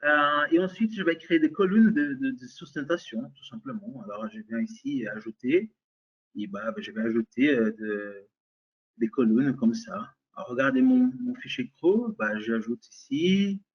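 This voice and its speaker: A man's voice: mid-range voice, expressive, moderate pace, husky, muffled recording. Brazilian-accented man, hesitant webinar demo. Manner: hesitant, many fillers and restarts; checks in with listeners often. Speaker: webinar presenter. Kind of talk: software demonstration webinar.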